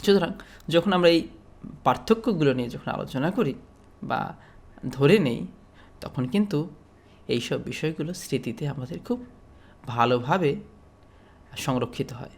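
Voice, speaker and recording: A man from Bangladesh giving an explanatory lecture as a teacher, speaking steadily with frequent pauses and fillers. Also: fairly high pitch, expressive, gravelly.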